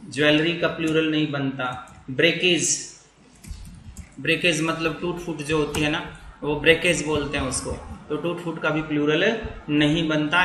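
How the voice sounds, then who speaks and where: A man teaching an English grammar lesson who slowly dictates his example sentences word by word. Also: on the high side, sharp tone, roomy sound.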